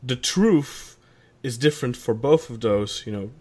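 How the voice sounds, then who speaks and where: A man's voice: mid-range voice, a little slow, a little mellow. A male podcast co-host talking football in a rambling, casual way, often restarting his sentences. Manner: rambling, restarts often, self-aware about stuttering.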